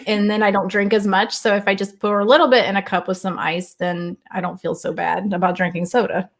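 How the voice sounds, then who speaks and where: A woman's voice: mid-range voice, little pitch movement, brisk, gravelly. A woman co-hosting a casual live chat show over a video call, laughing often and making fun of herself. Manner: self-deprecating, laughs often.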